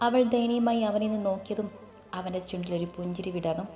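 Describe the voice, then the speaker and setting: A woman reading a romantic story aloud as audiobook narrator, in a steady, even manner. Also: mid-range voice, fast. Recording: echoey room, faint music.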